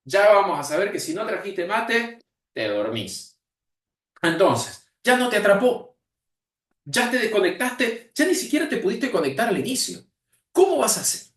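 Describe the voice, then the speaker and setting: A man with an Argentine accent teaching a communication skills class in a lecturing style, expressive and often repeating key phrases for emphasis. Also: high-pitched. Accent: Argentine Spanish. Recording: echoey room, mic at a distance.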